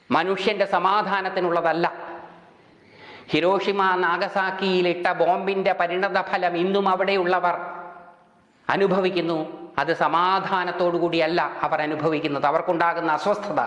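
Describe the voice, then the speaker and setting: Slow-speaking older man, echoey hall. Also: high voice, a bit bright. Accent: Kerala Malayalam. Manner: slow, deliberate oratory with long pauses. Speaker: spiritual speaker. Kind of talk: religious discourse.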